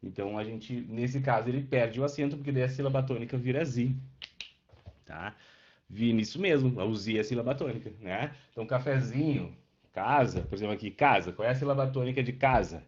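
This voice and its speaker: A man's voice: mid-range voice, brisk, darkish tone. A man, teaching a live online class and patiently checking in with his students as he explains. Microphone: webcam microphone. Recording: dull lo-fi online class audio.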